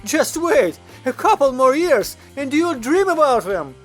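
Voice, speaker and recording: Bubbly, teasing young woman with a Ukrainian accent, very high and swooping, drawn out slowly, played by a man. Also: big pitch swings, soft background music, exaggerated voice.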